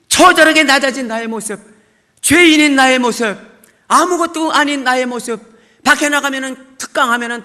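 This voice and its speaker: A man's voice: extremely high pitch, pushed and bright. A middle-aged man, a church deacon, giving a testimony with dramatic acted-out prayers and cries of amen. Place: church service hall. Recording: long church hall reverb.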